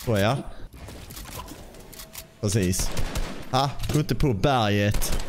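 A man commentating his own gameplay as a gaming youtuber, frustrated and swearing, mixing in English words. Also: on the low side. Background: game music and gunfire.

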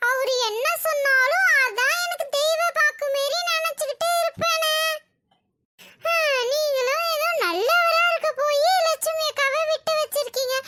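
A woman's voice: very high-pitched, bright, forceful tone, a little hiss or hum. A woman voicing a scheming, gossipy village neighbor who talks in a sly, dramatic, wheedling way. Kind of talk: cartoon voice acting.

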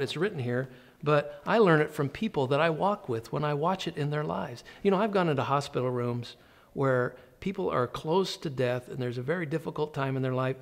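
Earnest, conversational man preaching. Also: fairly high pitch. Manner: earnest, conversational preaching with slow emphatic pauses. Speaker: pastor. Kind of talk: sermon. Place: indoor church office set.

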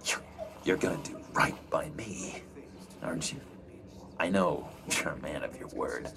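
An actor playing a volatile, needy criminal in a video game, theatrical and eager, halting and stammering as he swings between pleading and menace. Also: low voice, expressive, vocal fry, very noisy, heavily acted. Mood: insistent, sly.

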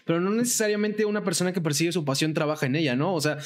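Mexican podcast host with rambling questions. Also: male voice, a little high, steady tone, racing. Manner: rambling questions with many fillers. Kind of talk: casual interview.

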